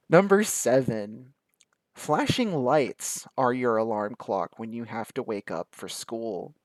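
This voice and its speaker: A young man chatting to the camera in a relaxed, storytelling way. He laughs often, throws in quick asides, and his voice sits in a middle register. The sound is close and dry, with no room echo. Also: medium pitch. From American South. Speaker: vlogger.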